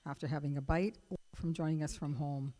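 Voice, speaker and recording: Woman running a church meeting, halting. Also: low-pitched, steady tone, mellow. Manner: halting, with fillers and restarts. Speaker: meeting organizer. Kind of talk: church annual meeting business. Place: church sanctuary. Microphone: microphone with sound trouble. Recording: long church reverb, faint noise.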